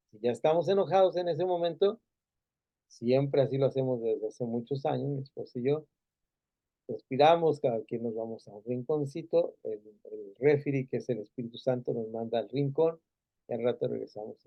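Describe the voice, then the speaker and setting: A man's voice: mid-range voice, moderate pace, dull audio. A man with a Mexican Spanish accent teaching a Bible class, asking the students questions and adding many fillers and tag questions.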